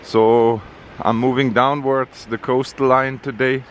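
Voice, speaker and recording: Male travel vlogger, unhurried and halting with fillers, outdoors with faint noise behind. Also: mid-range voice, level tone. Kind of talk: casual vlog narration. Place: outdoors on a rainy coast.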